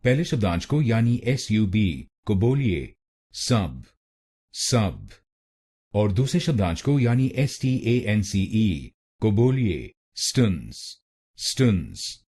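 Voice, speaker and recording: A man gives a scripted pronunciation lesson at an unhurried pace, repeating each syllable with care. His voice sits a little low and carries a husky edge, and his pitch moves in lively swings. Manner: slow, deliberate, repeating words syllable by syllable. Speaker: pronunciation teacher. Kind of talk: scripted instructional narration.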